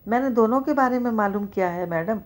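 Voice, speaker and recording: A woman's voice: on the high side, natural voice. A woman reading the part of an obedient male hired informant who reports in a rote way. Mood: reporting.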